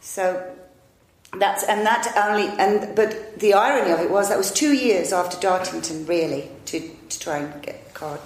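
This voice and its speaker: A woman in her fifties, an actress and improviser, appears as an interview guest, spinning long, rambling anecdotes in a chatty, self-deprecating style. Her voice is medium in pitch at a moderate pace, recorded in an echoey room.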